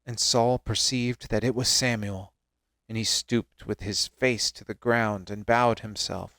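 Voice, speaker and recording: A man's voice: on the low side, steady tone, unhurried, fairly bright tone, no room sound. A man co-hosting a podcast, reading scripture aloud and chatting playfully. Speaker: podcast co-host. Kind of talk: casual chat and scripture reading.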